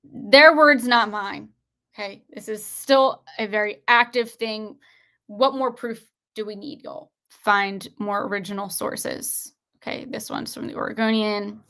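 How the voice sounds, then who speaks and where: A woman's voice: medium pitch, fairly even intonation, a little slow, gravelly, sharp tone. A young woman hosting an online livestream, reading articles aloud and pressing her viewers with rhetorical questions from her desk. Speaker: online show host. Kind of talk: conspiracy commentary livestream. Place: indoors at a desk, screen-sharing.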